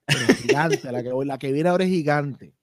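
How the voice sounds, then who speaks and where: A man's voice: mid-range voice, brisk, no room sound, clean studio sound. A man from Puerto Rico with a Puerto Rican accent, hosting a podcast and talking passionately with frequent swearing. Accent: Puerto Rican Spanish. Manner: passionate, emphatic, swears freely. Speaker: podcast host. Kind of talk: casual podcast conversation.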